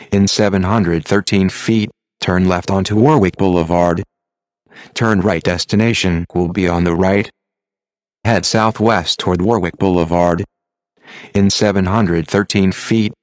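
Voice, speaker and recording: A man's synthetic text-to-speech voice giving turn-by-turn driving directions in a flat, measured, impersonal way. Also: low voice, dry recording. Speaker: GPS navigation voice.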